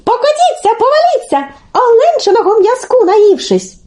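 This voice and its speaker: A woman voicing a small, clever village boy in a fairy tale audiobook, with a high childlike pleading voice. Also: big pitch swings, moderate pace, warm tone. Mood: taunting.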